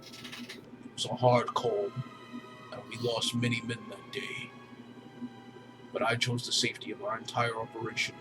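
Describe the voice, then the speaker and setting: A man voicing a weary male alien mine overseer who speaks haltingly, with many pauses and restarts. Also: mid-range voice, little pitch movement, lightly acted, poor audio. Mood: grave. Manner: hesitant, halting, full of pauses. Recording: music playing behind.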